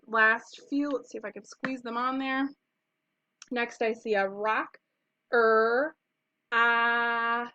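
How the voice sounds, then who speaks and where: A woman's voice: fairly high pitch, a bit bright. A young woman teaching kindergartners phonics, patiently sounding out letters and short vowels one by one. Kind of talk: phonics lesson for young children. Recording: dull lo-fi home recording.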